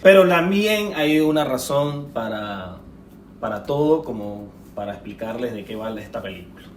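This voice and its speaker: A man's voice: medium pitch, lively intonation, moderate pace, distant mic. A man co-hosting a casual film podcast, rambling and correcting himself as he goes, laughing often. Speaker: podcast co-host. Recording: echoey room, off-mic, faint noise.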